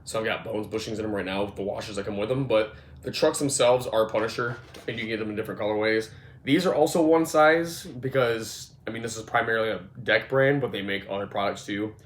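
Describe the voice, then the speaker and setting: Speaking fast in a lowish voice hoarse from a cold, a twentysomething skateboard vlogger rambles casually through his setup, heavy on fillers and restarts. Slight background noise and echo fill the gym-mat room as his phone or camera moves around with him.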